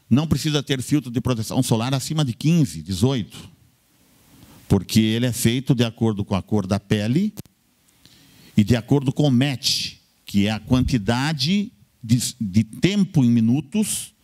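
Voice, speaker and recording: A man's voice: mid-range voice, a little mellow. A man, a doctor, giving a health talk in an emphatic way, listing points in short bursts and repeating key words. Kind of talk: lecture-style health talk.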